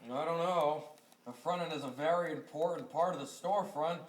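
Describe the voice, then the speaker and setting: A man's voice: fairly high pitch, fairly quick, lightly acted. A grocery boss, played by a man, teases his staff in a dry way. He is heard in a roomy, echoing space. The voice comes from far off. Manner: dry, teasing. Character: wry male grocery store boss. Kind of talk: student stage play. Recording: echoey stage from far off.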